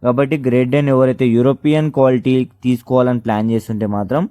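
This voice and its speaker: Fast-talking man with a dark voice. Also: medium pitch, clear, resonant tone, no room sound, studio quality. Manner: rapid chatty delivery, repeats filler words. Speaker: dog seller, channel host. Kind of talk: casual sales pitch to camera.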